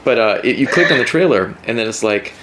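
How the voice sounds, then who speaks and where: A man's voice: on the low side, animated, fast talker, noisy background. A man hosting a casual interview from his home at night, joking around and asking rambling questions. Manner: playful, jokey, rambling questions. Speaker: podcast host.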